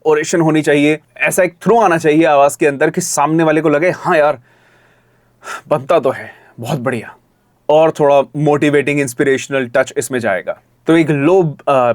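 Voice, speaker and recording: A man coaching voice-over, giving friendly, direct feedback on recordings and jumping into energetic demo reads. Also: fairly high pitch, no room sound, studio quality. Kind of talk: reviewing recordings, with demonstration reads.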